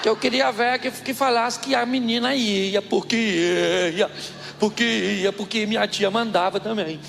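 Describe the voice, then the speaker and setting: A male pastor telling a lively, humorous story in a sermon. His voice sits high for a man and has a gravelly, fried texture. He acts out the scenes as he goes. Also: normal speed, soft background music.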